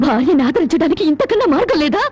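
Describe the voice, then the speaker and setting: A bitter wronged young wife. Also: female voice, extremely high pitch, very animated, racing. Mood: accusing. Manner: cutting sarcasm breaking into tears. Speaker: film actress. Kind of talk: melodramatic film dialogue. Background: film score.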